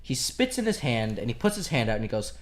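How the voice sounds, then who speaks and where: A man's voice: mid-range voice, sing-song, fast, slight background noise. A man narrating as game master of a tabletop game in a casual, rambling way, full of fillers.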